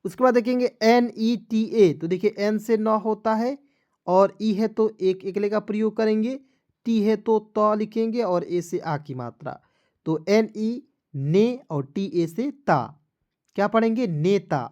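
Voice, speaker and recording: Man slowly spelling out words as teacher. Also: sits high, a little mellow, highs cut off. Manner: spells out letters slowly, often checks if viewers understand. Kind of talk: online spelling lesson.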